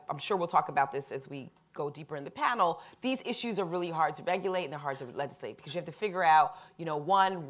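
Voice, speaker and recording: A woman speaking as a panelist at a live public discussion, laying out her ideas in a measured, thoughtful way. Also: lowish voice, a bit bright.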